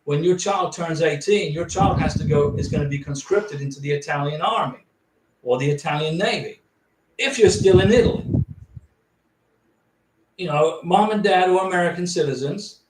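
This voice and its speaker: On a relaxed livestream, a man whose voice sits fairly high reads questions from viewers and gives plain answers. The audio is echoey, distant and noisy, as if he's sitting well back from the mic with clear noise around him.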